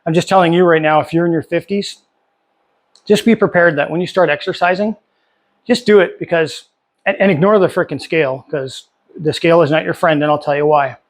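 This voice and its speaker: A man's voice: a little high, brisk. Chatty man in his fifties. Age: 50s. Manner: chatty, candid, many fillers and restarts. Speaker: vlogger. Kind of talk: casual talk to camera. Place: home workshop.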